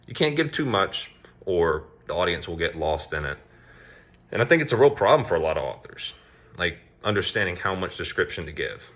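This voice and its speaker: A man with a very low voice and a bright, forceful edge talks to camera about his writing. He rambles earnestly and corrects himself mid-sentence, sounding slightly out of breath. The recording is dull and lo-fi. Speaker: writer and vlogger. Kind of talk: casual talk to camera.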